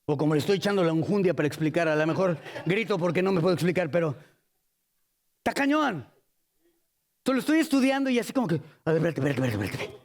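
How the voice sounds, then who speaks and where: A man with a Mexican accent preaching a sermon in an animated, colloquial, joking manner. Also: high voice, quick pace, long pauses.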